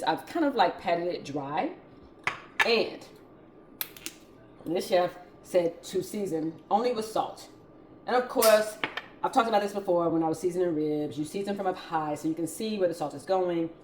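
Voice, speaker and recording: Talking casually in her home kitchen, this cooking vlog host demonstrates a recipe in a chatty, informal Southern US accent. She speaks fairly low with a slightly mellow quality, while utensils clatter and the room echoes.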